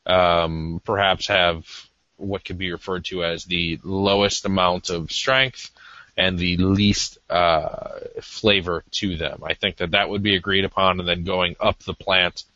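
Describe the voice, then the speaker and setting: A man's voice: low voice, fairly even intonation, unhurried, bright, forceful tone, dry recording. A man co-hosting a podcast in casual, discursive talk, hesitant and self-deprecating as he feels his way through explanations. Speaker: podcast co-host. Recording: slightly dull lo-fi audio.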